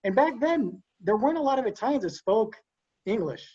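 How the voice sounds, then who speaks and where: Middle-aged male guest, high voice, easy storyteller, muffled lo-fi audio. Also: sing-song, a little fast, a little mellow, breathy edge. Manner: fluent storyteller with some stammered restarts. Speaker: podcast guest. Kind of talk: casual reminiscing chat. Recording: dull lo-fi audio.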